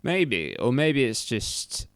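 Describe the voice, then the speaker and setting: Male podcast co-host, casual dry banter; smooth lower voice, dry mic. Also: sing-song, takes it slowly, a bit bright, no echo. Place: home, in Edinburgh.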